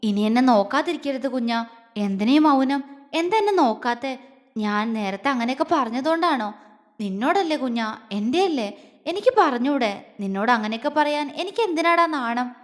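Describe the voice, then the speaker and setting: A playful young man who teases his sweetheart fondly, as a woman narrator plays him. The voice stays fairly high, and a long hall reverb trails after each line of this romantic audio story. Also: expressive, normal speed. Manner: teasing, playful. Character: teasing affectionate young man, playful lover.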